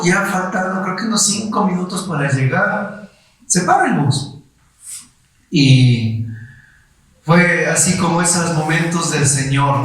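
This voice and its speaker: A man preaching a sermon, telling a personal testimony in a lively way and acting out the dialogue as he goes. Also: on the high side. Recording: echoey room, far from mic.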